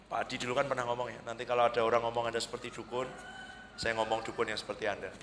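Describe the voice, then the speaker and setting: A male pastor with a Central Javanese Indonesian accent tells stories from the pulpit in an easy, chatty way. His voice is bright and ringing, and he jumps up in pitch to act out other people's words. A faint hum of church ambience sits behind him. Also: racing, in a large hall. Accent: Indonesian, Central Java. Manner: chatty, anecdotal, acts out quoted voices with lively jumps. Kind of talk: conversational sermon storytelling. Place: church worship hall.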